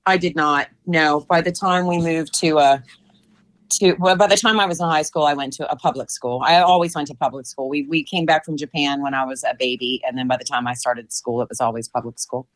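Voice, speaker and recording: An American woman in her fifties answers interview questions as a guest, her deep voice steady and her pace brisk. She is thoughtful and hesitant, using many fillers, and the recording quality is low.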